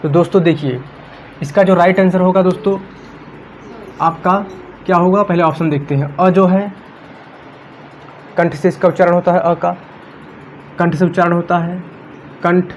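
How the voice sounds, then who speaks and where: A man's voice: high voice, steady tone, moderate pace, long pauses. A man teaching exam grammar in a casual classroom style, repeating each point and walking through the answer options step by step. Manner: repetitive, addresses viewers as friends, walks through options step by step. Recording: dull lo-fi home recording with faint noise.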